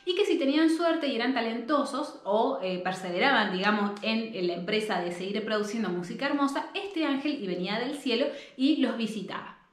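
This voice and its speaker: A woman's voice: fairly high pitch, expressive, fairly quick, few pauses. A woman with a Rioplatense Spanish accent casually retelling a novel in a chatty way, with many fillers and asides to her viewers. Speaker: book narrator. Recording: roomy echo, faint music.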